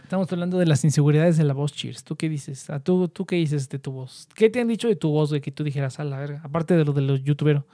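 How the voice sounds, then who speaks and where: A man's voice: on the high side, fast talker, few pauses, dry recording, clean studio sound. A young man with a Mexican accent chatting casually and jokily with friends online, full of slang. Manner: slangy, animated, playful with his voice.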